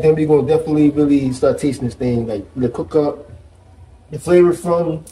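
A man's voice: on the high side, mellow, slight background noise, low-quality recording. A man in his forties giving a casual cooking demonstration in a home kitchen, chatty and explaining each step, on a lapel mic. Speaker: guest cook.

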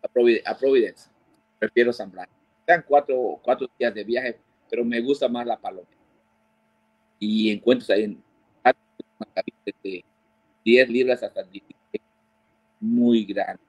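Speaking unhurriedly with long pauses, a man in his mid-range, slightly rough voice tells fishing stories as an interview guest. He's a fishing guide from Mexico and an animated storyteller who performs the voices of the people in his tales. The recording is dry and dull.

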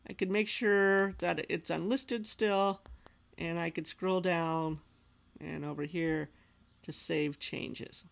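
A woman calmly narrating a screencast tutorial as an instructional designer, patiently explaining each step. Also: fairly low pitch, slow pace, gravelly. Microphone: voice-over recorded over screen capture.

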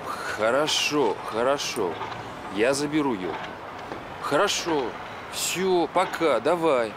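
A man's voice: medium pitch, animated, slow. An actor playing a busy, curt businessman and father in his thirties, clipped and impatient, in a film drama. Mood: hurried, curt. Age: 30s. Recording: film dialogue with clear background noise.

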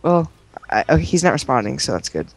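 A man's voice: fairly high pitch, big pitch swings, brisk, creaky. A young man chatting casually with friends as a player in a group gaming call.

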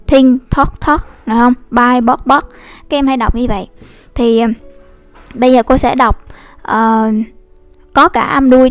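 A woman teaching an online lesson, explaining slowly and patiently with many fillers. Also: on the high side, dry recording. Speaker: English teacher. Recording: dry close recording with faint music.

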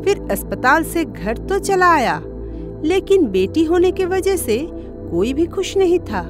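A woman narrating a cartoon story in a slow, measured way. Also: very high-pitched, sing-song. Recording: music bed under narration.

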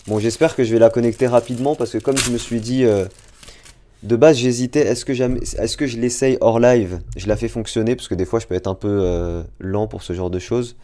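A man's voice: mid-range voice, brisk, warm tone. A young man, chatting casually to viewers on a live stream while unboxing. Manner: chatty, talks to chat directly. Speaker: drawing streamer.

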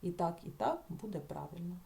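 Patient woman teacher with a mellow voice. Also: fairly low pitch, expressive, creaky, a little hiss or hum. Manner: patient and explanatory, stretching out example words slowly; talks the class through with filler sounds and checking "так?". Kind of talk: recorded spelling lesson for schoolchildren.

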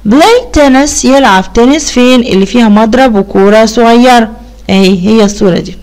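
A woman with an Egyptian Arabic accent explains an English lesson for primary pupils, patiently asking questions, praising answers and repeating English words slowly. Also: fairly high pitch, darkish tone. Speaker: English teacher.

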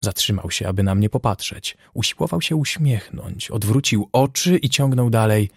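A man narrating a classic novel as an audiobook in a measured, even manner. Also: on the low side, breathy edge, no echo, clean studio sound. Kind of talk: scripted narration.

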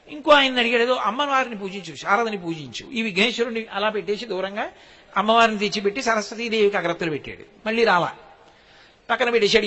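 A man with a Telugu accent giving a devotional discourse, telling stories with acted quotes and slow chanted verses. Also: very high voice, pushed and bright. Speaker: spiritual discourse speaker.

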